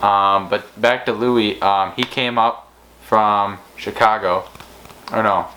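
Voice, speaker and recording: Man, low voice, casual chat, animated storyteller, restarts a lot. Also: slow pace, low-quality recording. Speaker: fishing channel co-host.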